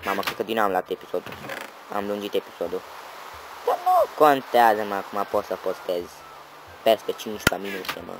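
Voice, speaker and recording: A man giving excitable let's-play commentary, swearing and yelling at enemies over loud game music. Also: fairly low pitch, noisy background. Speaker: gaming channel host.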